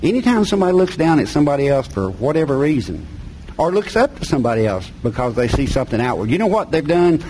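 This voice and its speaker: A man's voice: on the high side, very animated, fast talker, a little mellow, slight background noise, poor audio. A middle-aged man from the North Carolina mountains with an Appalachian accent, preaching a sermon and reading scripture in a folksy, plain-spoken way with colloquial grammar. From mountains of North Carolina, USA.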